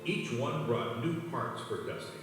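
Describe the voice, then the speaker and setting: With music in the background, a man narrates a scripted read-along story for children from what sounds like a distant spot in an echoey hall. His mid-range voice is animated, and he keeps a measured pace.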